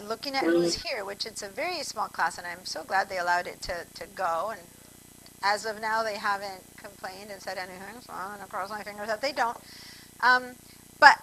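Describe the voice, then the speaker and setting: Over a video call, an Argentine woman teaches a computer class, talking straight to her students in a chatty, wandering way. Her voice sits in the middle range with a sharp edge, and the audio is poor, carrying a little hiss or hum.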